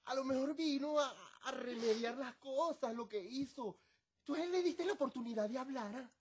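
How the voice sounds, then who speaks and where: A fussy, soothing friend. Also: male voice, extremely high pitch, moderate pace, a little hiss or hum. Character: fussy, caring male friend. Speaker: soap opera character. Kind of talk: telenovela acting.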